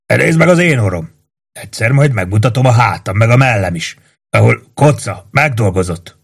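A man's voice: medium pitch, expressive, creaky, slightly rough. A man voicing a wiry young male prisoner who whispers conspiratorially, grins and chuckles as he talks. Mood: sly whisper. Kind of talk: audiobook character voice.

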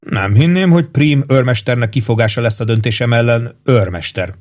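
A man's voice: mid-range voice, a little mellow, close to an everyday voice. A man reading an audiobook, voicing a pompous, fussy middle-aged army captain with a raised, insistent, self-satisfied voice. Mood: bossy.

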